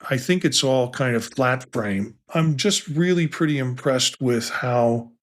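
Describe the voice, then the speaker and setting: Man, tech podcast co-host, casual chat, rambling, restarts sentences, mid pitch, podcast mic. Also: unhurried. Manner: rambling, with many restarts and asides.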